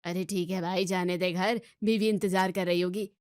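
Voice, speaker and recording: A woman voicing an easygoing male office friend who speaks politely and low-key. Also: fairly even intonation, normal speed, a little mellow, no room sound, studio quality, close to an everyday voice.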